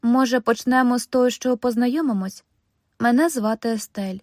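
A woman's voice: a little high, normal speed, a little mellow, no echo, clean studio sound, natural voice. A woman doing a kindly chatty old lady. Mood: soothing. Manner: sweet, soothing, polite.

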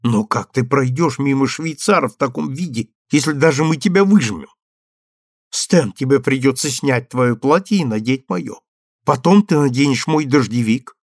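A man's voice: lively intonation, normal speed, dry recording, clean studio sound. A man reading an audiobook, voicing a young actress in a raised, passionate, exclamatory voice. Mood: practical. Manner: passionate, exclamatory, high-pitched. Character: young female musical-comedy star, fiery, theatrical.

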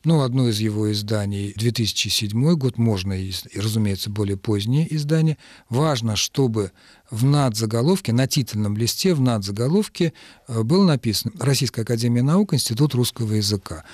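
A man answering listeners' questions about language on a radio call-in show, explaining at a measured pace with occasional hesitations. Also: medium pitch, lively intonation, darkish tone, dry recording. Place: radio studio.

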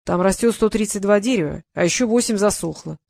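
Woman reading as gruff ancient dragon father. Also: medium pitch, fairly quick, a little mellow, no echo, studio quality. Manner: gruff and gloomy. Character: grim old male dragon, huge, father.

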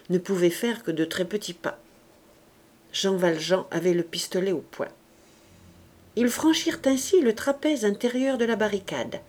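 A woman's voice: fairly low pitch, a little mellow, slightly rough. Woman reading a classic novel aloud. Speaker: audiobook reader. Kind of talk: scripted narration.

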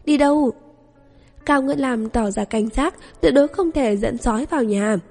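Woman audiobook narrator, steady, fairly high, husky, long reverb, faint music. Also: normal speed. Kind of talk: scripted narration.

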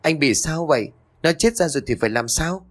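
A cruel, scheming stepmother snaps and scolds in a harsh, lively voice, as a man narrating puts her on. Her pitch jumps around freely as she talks. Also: a little fast. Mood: scolding.

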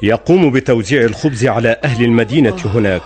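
An actor playing a composed, helpful companion who questions briskly in a radio drama. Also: male voice, mid-range voice, lightly acted. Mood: inquiring. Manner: brisk, inquiring. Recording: radio drama with crowd behind.

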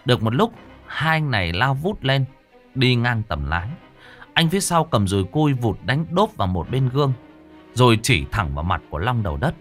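A man narrating a ghost story in an animated way, voicing several characters. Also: mid-range voice, normal speed, soft background music.

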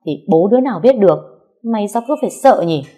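A woman's voice: medium pitch, expressive, quick pace, mellow, slightly rough, pitched above the performer's own voice. A woman voicing a brash, bossy young woman friend who scolds bluntly.

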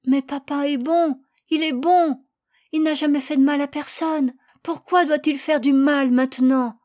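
A frightened little boy from a storybook, his voice high and close to breaking as he begs, played by a woman reading aloud. The pleas are loud, rising and urgent, pitched well above an everyday speaking voice. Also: fairly even intonation, unhurried, dry recording. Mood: anguished. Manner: high, desperate, pleading cries. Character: young boy, frightened and pleading.

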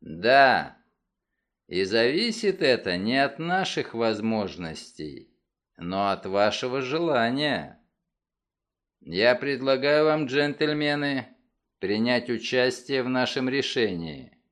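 A man reading an audiobook, voicing a calm, cunning detective who speaks in a measured, persuasive way. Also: mid-range voice. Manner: measured, unhurried, coolly persuasive.

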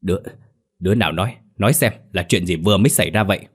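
A man voicing a gruff bewildered house master. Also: low voice, a little fast. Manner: gruff, stammering in shock.

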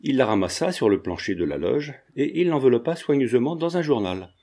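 Man, audiobook narrator, reading a novel, dark mellow timbre, steady. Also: medium pitch, fairly quick. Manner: steady storytelling delivery.

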